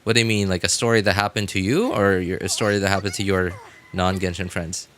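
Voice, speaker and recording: Deep-voiced and quick, the man speaks with fairly even intonation and a fairly bright tone. During a game livestream he casually answers viewer comments in a hesitant manner, repeating phrases often, against background music.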